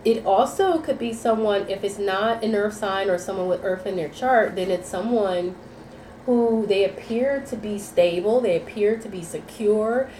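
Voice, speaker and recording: A woman gives a casual, rambling tarot reading, nasal from sinus congestion and repeatedly checking in with "okay?" and "you know." Her medium-pitched voice is mellow and moderately paced, though the audio is poor, with an echoey room and a little hiss or hum.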